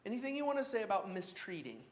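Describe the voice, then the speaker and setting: A man's voice: high-pitched, big pitch swings, slight background noise. Guy teaching bible class at church, casual, lots of ums and false starts. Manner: casual, halting, with many fillers and restarts.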